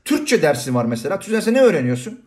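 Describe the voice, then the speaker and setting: Lively Turkish-speaking man with Aegean lilt. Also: fairly high pitch, fast talker. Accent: slight Aegean Turkish. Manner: lively, animated, laughs often. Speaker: podcast co-host. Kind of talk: casual podcast chat on language and communication.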